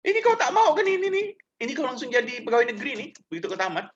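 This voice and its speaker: A man's voice: very high voice, sing-song, rapid-fire, muffled recording, a little hiss or hum, voice pushed up, full character voice. A man voicing an older male university dean who talks to a student in a blunt, familiar, teasing way. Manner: loud, bossy, chummy.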